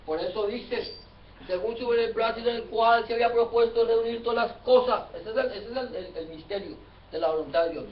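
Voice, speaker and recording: A male preacher giving a fervent sermon, repeating phrases and rising to shouts. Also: extremely high pitch, fairly quick, a little hiss or hum. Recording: echoey, distant, dull church recording.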